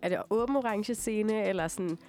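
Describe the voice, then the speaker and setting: A woman's voice: mid-range voice, darkish tone, faint music behind. A young woman in her twenties co-hosting a podcast, upbeat and playful as she chats with the guest. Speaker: podcast co-host. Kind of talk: casual interview chat.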